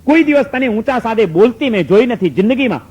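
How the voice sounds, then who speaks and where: Man playing an alarmed husband, high voice, pleading questions, sermon storytelling. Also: moderate pace. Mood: incredulous. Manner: pleading, raised and urgent questions. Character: anxious, loving middle-aged husband.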